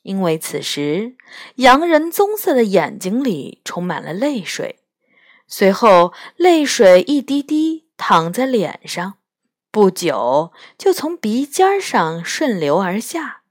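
A woman reading a children's storybook aloud slowly, expressively and gently. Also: medium pitch, big pitch swings, no room sound, studio quality.

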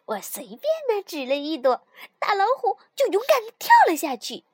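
A woman telling a children's story in the first person, in an expressive, sighing way. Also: high voice, normal speed, no echo, clean studio sound.

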